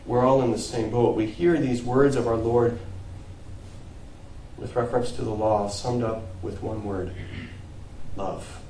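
Male pastor, mellow tone, earnest sermon delivery, recorded from a distance in an echoey church. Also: mid-range voice, steady tone, a little slow, a little hiss or hum. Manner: earnest preaching, rising to emphatic peaks and dropping to quiet phrase ends. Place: church sanctuary.

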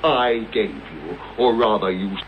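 An actor playing Sherlock Holmes in a radio play as an arrogant, brilliant British detective, pompous and precise. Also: male voice, lowish voice, unhurried, natural voice. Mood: scornful. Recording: dull, hissy old radio tape recording.

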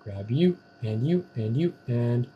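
A man streaming a casual online game, talking through the action in a loose, playful way. He slides into sing-song chants and goofy catchphrases between plays, his pitch sitting in a middle range. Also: lively intonation, a little slow, highs cut off, slight background noise. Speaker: gamer streamer. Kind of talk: casual gameplay commentary.

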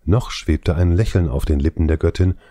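A man reading an audiobook of legends in measured, solemn scripted narration. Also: low voice, dark tone, no room sound, clean studio sound.

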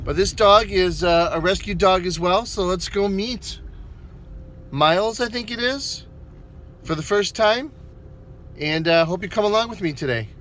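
A man filming a casual vlog indoors, talking in a high, sing-song baby voice to a dog. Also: measured pace, long pauses, background noise. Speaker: vlogger.

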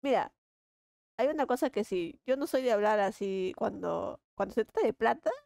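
A woman with a Peruvian accent chatting casually while she draws, lively and slangy, laughing often. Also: medium pitch, moderate pace, gravelly, dry recording, clean studio sound. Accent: Peruvian Spanish. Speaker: illustrator vlogger. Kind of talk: casual chat while drawing.

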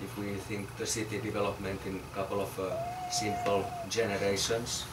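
This is a Finnish man in his forties, an architect presenting research to a small group in an informal setting. His voice is low and monotone, and he halts frequently, repeating words and using many fillers. A far camera captured him from across the small, crowded, echoey room, with plenty of noise.

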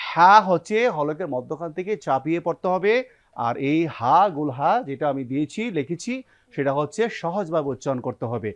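A man's voice: fairly high pitch, animated, fairly quick. A man with a Bangladeshi Bengali accent, hosting a Quran recitation lesson in a television studio and leading students through repeated pronunciation drills. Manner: leads students in call-and-response drills. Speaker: Quran recitation teacher and host. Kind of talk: TV classroom lesson.

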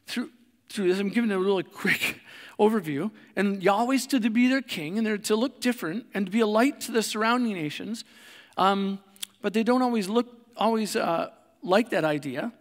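A man preaching a sermon in a conversational way, with fillers and restarts, and slowing softly on reflective lines. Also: high voice, big-room sound. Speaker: pastor. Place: church sanctuary.

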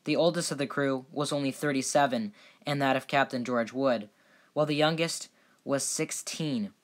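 A man's voice: medium pitch, moderate pace. A man reading scripted documentary narration.

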